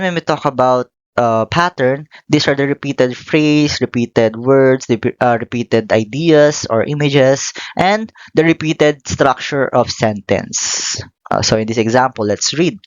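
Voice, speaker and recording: Slow, measured teacher explaining a lesson. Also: mid-range voice, clear, resonant tone, no room sound, lo-fi sound. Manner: measured explaining with frequent "okay" and "so". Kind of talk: classroom lesson.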